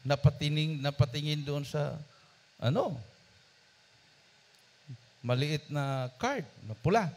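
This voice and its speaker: A male preacher telling a story in a sermon, addressing his congregation directly and swinging between loud emphasis and quiet asides. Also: on the high side, takes it slowly, long pauses. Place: church service.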